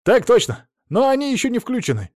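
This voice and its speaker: A man's voice: extremely high pitch, very animated, brisk, darkish tone, no room sound, studio quality, voice pushed up. Man putting on an eager barking guard. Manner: barking, military-style answers. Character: eager male security guard shift chief.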